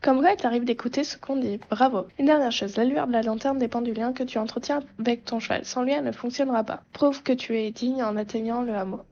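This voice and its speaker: A woman's voice: on the high side, steady tone, quick pace, hardly any pauses, mellow, dull audio. A stern, imperious witch, as a woman reads her. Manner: cold and imperious. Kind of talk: reading game dialogue aloud.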